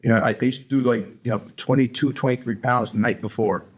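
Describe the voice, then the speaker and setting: This Greenwich, Connecticut native, a young professional fighter guesting on an interview, has a mid-range, slightly rough voice with fairly even intonation and a quick pace. He talks casually and bluntly, swearing, restarting and using fillers.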